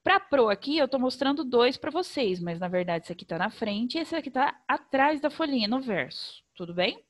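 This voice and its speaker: Brazilian woman primary teacher, lively sing-song delivery, slightly high voice, slow careful wording for kids. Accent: Brazilian Portuguese. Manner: sing-song, slow and over-articulated for children. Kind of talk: remote lesson for young children.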